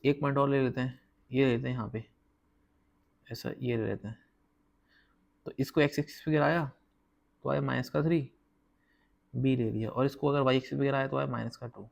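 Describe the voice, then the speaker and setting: A man with a gravelly, mid-range voice and a steady tone walks viewers through a casual math lesson on a whiteboard. He explains one step at a time, keeps asking whether they follow, and counts slowly as he draws.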